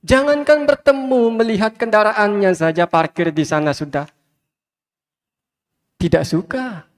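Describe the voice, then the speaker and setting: A man's voice: high voice, a little slow. A man, a Buddhist monk, giving a sermon with repeated, emphatic phrases and speaking straight to his listeners. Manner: repetitive emphatic preaching, addresses listeners directly. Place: large hall with many fans. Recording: long hall reverb.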